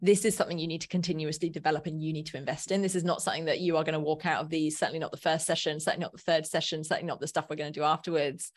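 A woman with a distinctly low-pitched voice speaks in a conversational podcast style. She is informal and thinks aloud. Her sentences often get rephrased as she works through an explanation. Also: steady tone, racing, few pauses.

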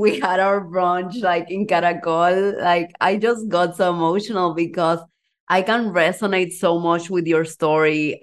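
A woman hosting a podcast interview, an emotional and effusive talker who leans on "like" and shares her own coaching story. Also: on the low side. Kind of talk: casual interview chat.

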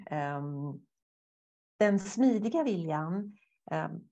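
Thoughtful woman with a dull lo-fi sound. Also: fairly low pitch. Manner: thoughtful, hesitant with fillers, lively when quoting inner voices. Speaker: guest, psychosynthesis therapist. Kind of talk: conversational interview.

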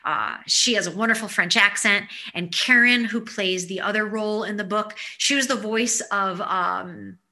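A woman yoga educator giving a spiritual teaching talk in a thoughtful, halting way, often repeating words as she goes. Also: medium pitch, steady tone, sharp tone.

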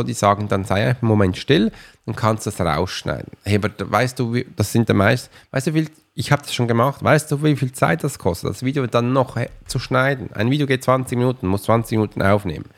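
A man's voice: mid-range voice, fast talker, creaky. A man, talking as a podcast host and coach in a chatty, rambling way and speaking straight to the listener. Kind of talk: casual motivational monologue.

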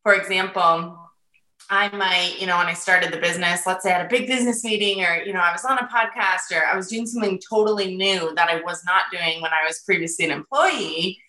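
Bright woman in an echoey room. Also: lowish voice, fairly even intonation, fairly quick. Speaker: podcast guest, feeding therapy business owner. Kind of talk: casual interview chat. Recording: echoey, roomy sound.

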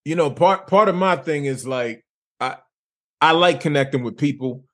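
A man's voice: fairly high pitch, normal speed. Male host from Lawrence, Massachusetts; casual, slangy, easygoing interviewer. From Lawrence, Massachusetts, USA. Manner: relaxed, conversational, slangy.

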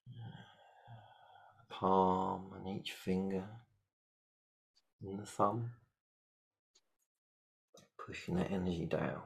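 A man leading a guided shamanic meditation, giving calm, repetitive step-by-step instructions. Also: low-pitched, very slow, gravelly, pauses often, low-quality recording.

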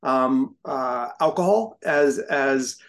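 A man's voice: medium pitch, animated, slow pace. Reflective firefighter in his fifties. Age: 50s. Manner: thoughtful, earnest, some restarts. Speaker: podcast guest, firefighter. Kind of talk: reflective conversation.

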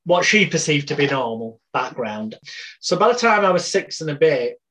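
British man telling stories, slightly higher voice. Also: big pitch swings, moderate pace, a bit bright. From Britain. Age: 40s. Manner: rambling anecdotal telling with wry humor. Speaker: podcast guest. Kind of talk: casual storytelling interview.

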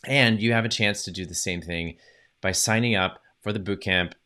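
A podcast host and social media coach, still recovering from a lost voice, delivers an upbeat, chatty solo monologue on his own show, full of fillers and self-corrections. His voice sits low, with a bright, forceful tone at a normal speed.

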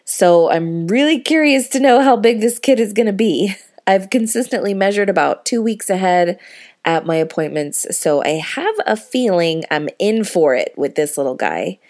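A woman's voice: lowish voice, darkish tone. Heavily pregnant woman hosting a motivational podcast. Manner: earnest, encouraging, addressing listeners as friends. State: heavily pregnant, thirty-nine weeks. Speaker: podcast host and life coach.

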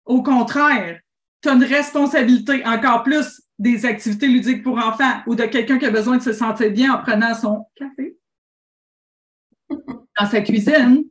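A woman with a Québécois accent, a business coach hosting a call-in show, talking in an animated, rambling way full of restarts. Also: on the high side, moderate pace, echoey room. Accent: Québécois French. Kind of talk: casual call-in coaching talk.

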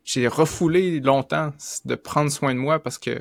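A man with a Québécois accent speaking earnestly and haltingly about personal matters in a casual podcast chat. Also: fairly high pitch, gravelly, no echo, studio quality. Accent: Québécois French. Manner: earnest, halting, self-correcting. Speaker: podcast participant.

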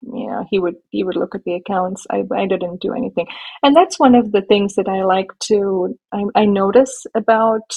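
A woman from India and Nigeria, talking thoughtfully as an interview guest with many small pauses and restarts. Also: mid-range voice, vocal fry, darkish tone, poor audio. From born in India, raised in Nigeria. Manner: thoughtful, measured, with frequent fillers and restarts. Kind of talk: interview conversation.

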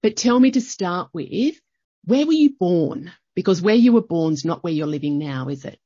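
A woman's voice: fairly low pitch, lively intonation, normal speed, warm tone, husky, no room sound, dull audio. Bubbly woman podcast host. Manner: bubbly, enthusiastic. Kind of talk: casual interview chat.

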